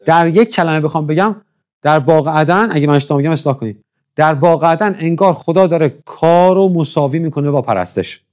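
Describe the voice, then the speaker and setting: A man's voice: fairly high pitch, darkish tone. A man teaching a church class in a conversational lecture, often stopping to ask his listeners questions and checking how he pronounces foreign words. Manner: conversational, keeps asking the audience questions.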